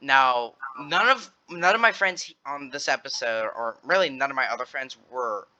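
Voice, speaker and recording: A man's voice: mid-range voice, moderate pace, bright, forceful tone. A teenage boy hosting a casual podcast, telling a school story in a rambling way with many restarts. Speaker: podcast host. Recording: lo-fi dull audio.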